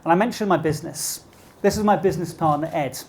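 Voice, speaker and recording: A fast-talking middle-aged keynote speaker with a slightly high voice and a posh British accent gives a motivational business talk. Speaking live before an audience, he keeps listeners involved with rhetorical questions.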